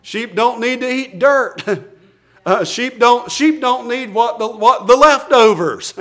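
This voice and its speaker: Preacher, male, high-pitched, earnest pulpit delivery, frequent restarts and soft chuckles. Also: slow. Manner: earnest, repeats words and restarts often, chuckles between points. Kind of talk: sermon. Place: church, speaking from the pulpit.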